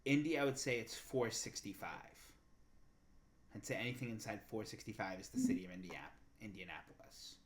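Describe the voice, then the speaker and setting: A man's voice: fairly low pitch, a little fast. A young man co-hosting a podcast, chatting casually and thinking aloud with lots of fillers. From Massachusetts. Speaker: podcast co-host. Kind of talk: casual chat.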